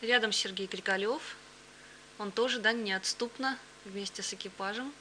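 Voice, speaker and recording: Woman host doing chatty live commentary, crisp bright voice, some hum in the background. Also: medium pitch, moderate pace, poor audio. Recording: clear hum and background noise.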